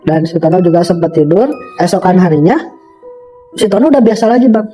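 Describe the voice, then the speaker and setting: A man's voice: high-pitched, lively intonation, brisk, warm tone, faint music behind, rough recording. A young man telling a personal story in casual, rambling speech full of fillers, often calling the listener brother. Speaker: storyteller guest.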